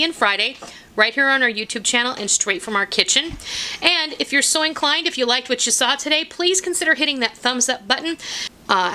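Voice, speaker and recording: A woman's voice: fairly high pitch, bright, forceful tone, a little hiss or hum. A middle-aged woman hosting a home cooking tutorial, chatting casually and folksily straight to her viewers from her kitchen. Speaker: cooking channel host.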